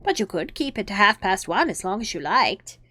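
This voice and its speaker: A woman voicing an excitable, theatrical male hatter with a booming, drawn-out delivery. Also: dry recording.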